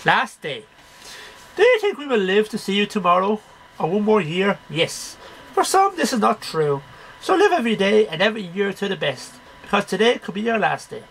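A middle-aged man with a high voice reads poems one line at a time, declamatory and sing-song, at normal speed and with big pitch swings. His tone is a bit bright. He's an amateur poetry reader in a small cluttered bedroom, and the webcam about arm's length away makes for a rough recording with slight background noise.

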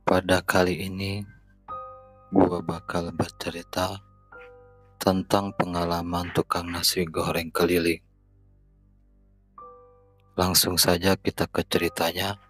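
A man narrating a horror story in a slow, measured storytelling voice. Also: sits low, monotone, a bit bright, faint music behind, low-quality recording.

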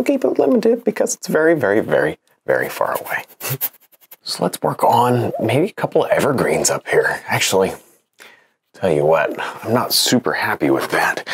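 A man's voice: deep voice, slight background noise. A young man giving a casual painting lesson in a home studio, chatty and self-encouraging, laughing often as he works. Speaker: painting instructor.

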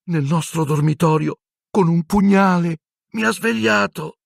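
Man doing a scared teenage boy, high strained voice, shouting, insistent, gravelly edge. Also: moderate pace, no room sound, studio quality, full character voice. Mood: frightened, insistent. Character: frightened teenage boy wizard.

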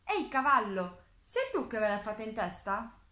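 A woman voicing a small, nearsighted female mole who keeps loudly demanding answers in a children's storybook reading. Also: fairly high pitch, very animated, normal speed. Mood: indignant questioning. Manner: exclaiming, questioning loudly. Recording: echoey room.

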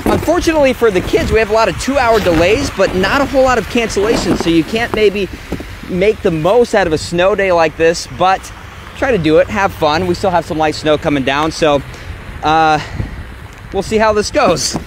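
A man's voice: high-pitched, normal speed. A young man giving a live television weather report from outdoors. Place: outdoors in a snowy parking lot. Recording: faint outdoor street noise.

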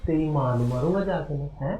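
A man's voice: on the high side, fast talker, dark tone, slight background noise, close to an everyday voice. A man playing a controlling husband who gives commands and threatens in a homemade family drama. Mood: menacing. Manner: menacing, commanding. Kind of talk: amateur family drama acting. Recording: dull, roomy recording with faint music.

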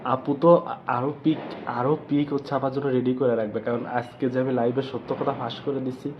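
A man hosting a casual live stream, chatting with viewers and scolding them, talking quietly so he won't wake others. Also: mid-range voice, little pitch movement, moderate pace. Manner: talking quietly because others are asleep. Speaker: live stream host reading viewer comments. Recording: slightly dull, noisy live stream audio. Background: background noise, firecrackers.

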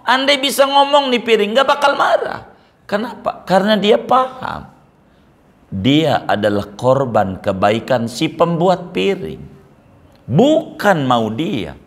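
A man's voice: high-pitched, big pitch swings, takes it slowly. A middle-aged man preaching a sermon, firing rhetorical questions and joking asides. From Banten, Indonesia. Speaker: Islamic preacher. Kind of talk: sermon to a congregation.

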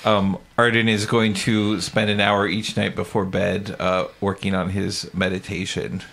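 A man's voice: deep voice, level tone, a little slow, gravelly, fairly bright tone. A man chatting casually as a player in a tabletop role-playing game.

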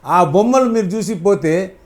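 Middle-aged male actor, interview guest; passionate, emphatic, slightly raised pitch. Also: expressive, normal speed. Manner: fervent, repeats phrases for emphasis. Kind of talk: emotional interview answers.

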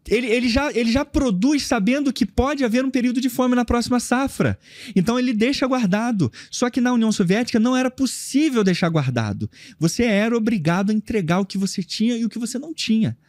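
Podcast guest, thirties man, high voice, dry close sound, emphatic explainer. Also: animated, fast talker, no room sound. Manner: emphatic, explains with broad hand gestures. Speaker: history guest. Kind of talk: casual podcast conversation. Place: studio room with bookshelves. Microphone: podcast mic on boom arm.

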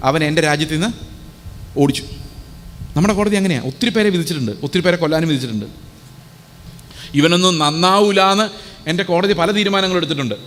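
Male preacher, high voice, rhetorical questions to the congregation, long hall echo. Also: fast, pauses often, fairly bright tone, a little hiss or hum. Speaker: pastor. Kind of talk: sermon.

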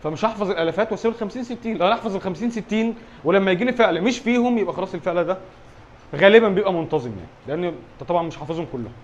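A high-voiced English teacher with an Egyptian Arabic accent speeds through exam review very fast, quizzing himself aloud and regularly checking "alright?" that students follow. The recording is muffled, with a little hiss or hum.

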